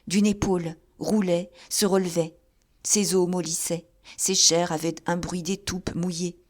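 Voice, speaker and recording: A woman reading an audiobook as narrator, in a measured, even storytelling manner. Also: lowish voice. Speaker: audiobook reader. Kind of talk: scripted narration.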